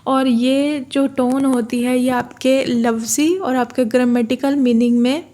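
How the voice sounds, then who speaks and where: A woman from Pakistan, tutoring for an exam, explaining slowly, repeating key terms and reading English definitions aloud. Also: high-pitched, steady tone, mellow. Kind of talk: exam-prep lecture.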